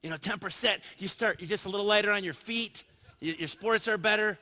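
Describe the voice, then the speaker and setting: A man on stage giving a motivational business talk, spinning anecdotes and voicing every character in them. His voice sits a little high and sounds bright and forceful. The sound rings out with the long reverb of a large hall. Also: brisk. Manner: animated, acts out dialogue in his stories. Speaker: keynote speaker. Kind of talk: motivational storytelling speech.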